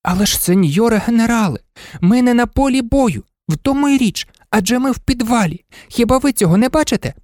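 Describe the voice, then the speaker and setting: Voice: medium pitch, expressive, fairly quick, darkish tone, no echo, clean studio sound, pitched above the performer's own voice, natural voice. A narrator voicing a small, clever rag toy dog who pleads earnestly in a storybook. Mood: insistent. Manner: earnest, imploring.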